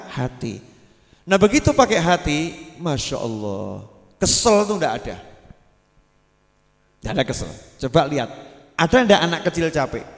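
A male preacher whose high voice leaps up and down as he teases and questions his listeners. His sermon echoes through a large hall with a long tail of reverb. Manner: playful, quizzes the audience. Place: religious gathering hall.

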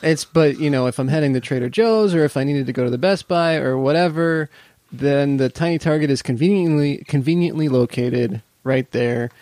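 A man's voice: a little high, normal speed, darkish tone, no echo. A man co-hosting a podcast in casual chat, joking and swearing freely with sarcastic asides. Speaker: podcast co-host.

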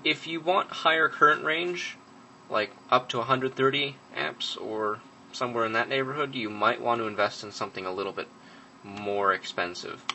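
A man's voice: mid-range voice, moderate pace, background noise. A young man giving a casual hands-on review of a gadget at a workbench, matter-of-fact, with frequent ums and uhs. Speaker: product reviewer.

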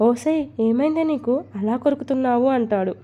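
A woman's voice: fairly high pitch, brisk, lo-fi sound, lightly acted. A woman voicing a sulky, teasing young husband who grumbles reproachfully in a storybook reading.

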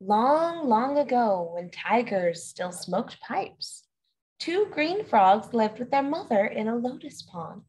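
A woman's voice: a little high, big pitch swings, slow, darkish tone, a little hiss or hum, poor audio. Woman reading a children's story. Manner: playful asides to listeners.

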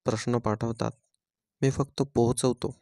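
A man voicing a calm, mysterious wanderer who may be Krishna, speaking quietly and evenly in a storybook reading. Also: mid-range voice, unhurried, no echo, studio quality, close to an everyday voice.

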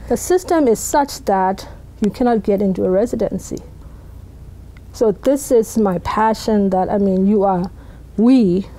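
A woman's voice: on the high side, mellow, rough recording. A middle-aged woman program coordinator speaking earnestly and emphatically in a documentary interview in an office. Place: indoor office.

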